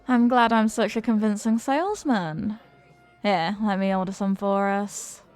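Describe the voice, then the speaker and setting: A woman with a mid-range, darkish, natural-sounding voice speaks a little slowly over soft background music. She acts out a flirty, confident, playful stranger in intimate roleplay, coy and teasing with a sweet-talking manner.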